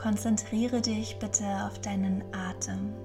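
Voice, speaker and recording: A woman leading a guided meditation in a soft, breathy near-whisper, soothing and unhurried, gently giving instructions. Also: medium pitch, steady tone, music in the background. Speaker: podcast host and guided meditation leader.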